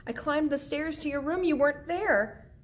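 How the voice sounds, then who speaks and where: A woman's voice: sits high, moderate pace, a little hiss or hum, pitched above the performer's own voice, natural voice. Woman doing a frantic tearful mother. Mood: distraught. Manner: pleading, tearful, raised voice. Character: distraught anxious mother, middle-aged woman.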